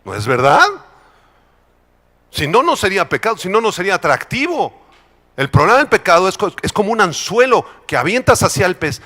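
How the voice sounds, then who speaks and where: A man's voice: high-pitched, pushed and bright, big-room sound. A male pastor preaching a sermon emphatically, having the congregation repeat phrases.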